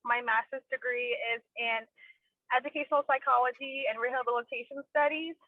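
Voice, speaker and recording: A woman graduate speaking on a video call, grateful and nervous, a little halting. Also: high voice, fairly even intonation, dry recording. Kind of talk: short speech over a video call. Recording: dry tinny phone-like audio.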